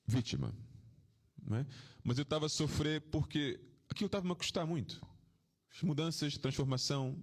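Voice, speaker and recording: A man, a swami, gives an informal spiritual talk to devotees, reflective and anecdotal, with rhetorical questions and frequent dips into a soft, low tone. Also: moderate pace, pauses often.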